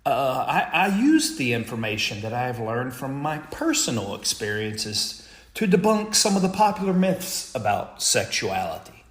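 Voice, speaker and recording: A man voicing a confident young woman lecturer who explains things calmly and politely. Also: mid-range voice, normal speed, natural voice. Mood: poised, explaining. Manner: poised, matter-of-fact explaining. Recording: echoey room.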